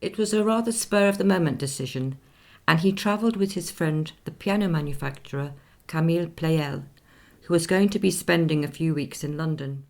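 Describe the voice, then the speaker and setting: An actress playing a dignified nineteenth-century Swedish opera singer in a radio play, speaking in a measured, formal, reflective way. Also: female voice, low voice. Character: [name], composed, dignified Swedish opera singer of the 1840s.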